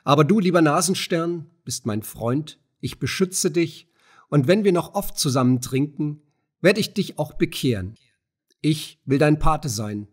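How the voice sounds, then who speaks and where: A man's voice: fairly high pitch, expressive, measured pace, slightly rough. A man voicing a hearty, boorish town drummer in an audiobook reading. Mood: bluff. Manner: bluff, coarse.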